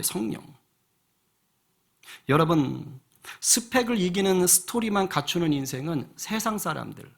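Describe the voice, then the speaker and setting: A middle-aged male pastor preaching a sermon in a church, his voice somewhat husky and pitched a little high. He drives his points with rhetorical questions, swinging between fervent outbursts and quieter asides. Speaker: senior pastor. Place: church sanctuary.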